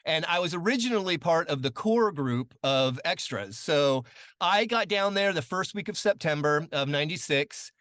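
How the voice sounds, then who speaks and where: A chatty man in his late forties tells stories as a podcast guest, his voice bright and a little high for a man. He talks loosely with lots of ums, and his voice perks up whenever he quotes someone. The sound is dry and close. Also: normal speed, no room sound. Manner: chatty, many fillers, animated when quoting. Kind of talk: casual storytelling interview.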